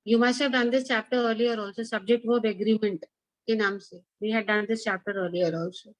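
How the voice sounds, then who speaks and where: A woman's voice: on the high side, steady tone, quick pace, no echo, low-quality recording. A woman with an Indian accent, a school teacher instructing an online class, repeating herself and checking in with questions.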